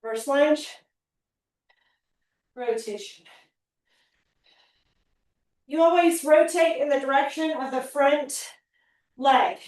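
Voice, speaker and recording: A high-voiced woman trainer coaches a workout, upbeat and a little out of breath. She speaks slowly and deliberately between reps. The sound is very echoey and comes from some distance away from the mic. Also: darkish tone. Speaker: fitness trainer. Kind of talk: workout class instruction.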